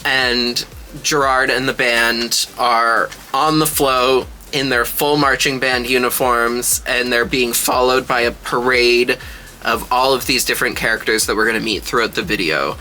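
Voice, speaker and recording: A man's voice: mid-range voice, fairly even intonation, measured pace, sharp tone, poor audio. A man talking like a sassy, gushing drag queen, giving casual, slangy reaction commentary.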